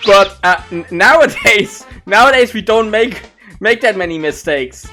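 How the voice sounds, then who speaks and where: Female VTuber, German accent, mid-pitched, slow-paced, playful off-the-cuff reaction commentary. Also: animated, a bit bright, faint music behind. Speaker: VTuber streamer reacting to a video.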